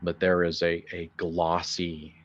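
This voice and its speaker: Acting as game master for a horror tabletop game, a man narrates deliberately and dramatically, halting as he improvises his phrasing. His low voice has a completely flat delivery, and the recording sounds muffled.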